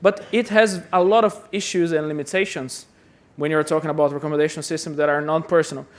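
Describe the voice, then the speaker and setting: With a slightly high, steady tone and a brisk pace, a man from Brazil addresses a conference hall. He chats casually, jokes at his own expense, and often repeats words mid-sentence.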